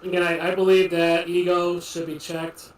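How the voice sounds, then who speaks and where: A man in casual livestream chat with a slightly raised pitch, rambling along and leaning on "you know" between thoughts. He sits back from the mic in an echoey room with a faint hiss underneath. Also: completely flat delivery, normal speed, recorded from a distance. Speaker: livestream host.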